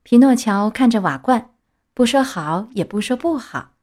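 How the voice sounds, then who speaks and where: A woman narrating a children's book aloud with steady, clear delivery. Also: on the high side, normal speed. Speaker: storyteller.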